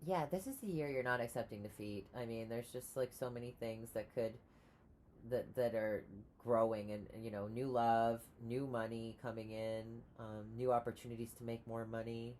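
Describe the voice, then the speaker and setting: A woman giving a casual tarot reading, rambling with many pauses and restarts. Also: extremely low pitch, steady tone, darkish tone, a little hiss or hum. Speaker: tarot reader.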